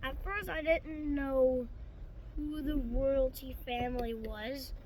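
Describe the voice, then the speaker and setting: A woman's voice: sits high, steady tone, takes it slowly, darkish tone, slight background noise. A woman vlogging casually through an unboxing, rambling with lots of restarts, her voice stuffy from allergies.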